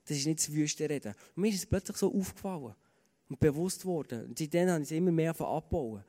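A Swiss German man preaches a sermon with a slightly high voice. He talks earnestly and conversationally, often restarting phrases. His words ring out with a long reverb from a large church hall. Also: fast talker, warm tone. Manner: earnest, conversational, with fillers and repeated starts. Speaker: pastor. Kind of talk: sermon with personal stories.

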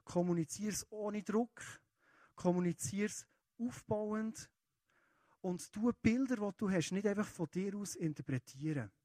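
A man with a Swiss German accent preaching a sermon, talking to the congregation in an earnest, conversational way. His voice sits a bit higher than most men's, and the recording is dry and close. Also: measured pace, dark tone, no echo. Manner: earnest and conversational, addressing listeners directly.

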